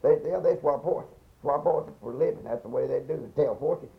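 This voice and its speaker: A man's voice: medium pitch, fairly quick, vocal fry. An elderly man with a Southern Appalachian accent tells stories of the past in a folksy, rambling, repetitive way, as an interviewee in an informal oral history. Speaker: interviewee recalling local past. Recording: dull, muffled field recording.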